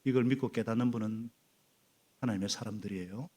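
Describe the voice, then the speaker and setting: Middle-aged pastor guy giving a sermon, raspy-ish voice, keeps getting the church to repeat after him. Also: on the low side, brisk. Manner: animated preaching, prompting the congregation to repeat and act along. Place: church sanctuary.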